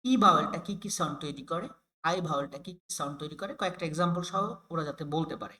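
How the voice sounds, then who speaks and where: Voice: mid-range voice, very fast, sharp tone, rough recording. A teacher from Bangladesh giving an online phonics lesson, patiently sounding out letters one by one and repeating example words. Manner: patient, explanatory. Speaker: English reading teacher.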